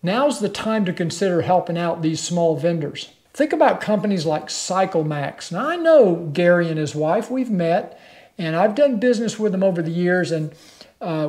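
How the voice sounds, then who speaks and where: A man's voice: high voice, a little mellow. An older man talking straight to the camera from his living room, hosting a motorcycle channel in a plain-spoken, persuasive way. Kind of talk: direct-to-camera vlog.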